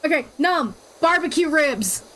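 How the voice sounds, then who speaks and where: A woman's voice: high voice, animated, measured pace, a bit bright. A woman from Minnesota hosting a game stream, chatting with friends in a playful, teasing way and laughing often. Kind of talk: casual chat with friends while gaming.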